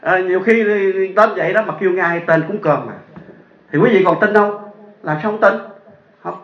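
Southern Vietnamese monk, high voice, chatty sermon storyteller, echoey lo-fi recording. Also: male voice, normal speed. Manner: chatty, asks the audience rhetorical questions. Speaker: Buddhist monk teacher. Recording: echoey dull lo-fi sound.

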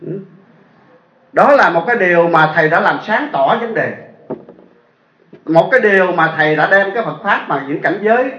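Southern vietnamese monk preaching, keeps asking the crowd questions, echoey room, kinda dull sound. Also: male voice, high-pitched, expressive, moderate pace, long pauses, fairly bright tone. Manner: chatty, asks the audience rhetorical questions. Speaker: Buddhist monk teacher. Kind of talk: storytelling sermon.

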